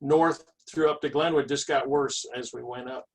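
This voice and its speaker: A man with a medium-pitched voice talks casually to a group. He goes along haltingly, often repeating a word before carrying on. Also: fairly even intonation, slightly rough. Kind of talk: casual trip recounting.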